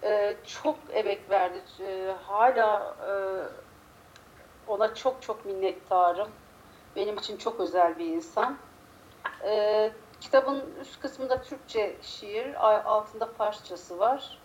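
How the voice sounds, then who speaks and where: Slow and medium in pitch, this interviewed poet sounds a little under the weather, her voice faintly muffled and strained. She chats and reads poetry while background noise is clearly audible.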